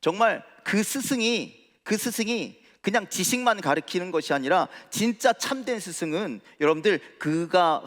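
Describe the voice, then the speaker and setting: A man's voice: sits high, fairly bright tone. A male pastor preaching a sermon in a church, asking the congregation questions as he goes. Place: church sanctuary. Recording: reverberant church hall.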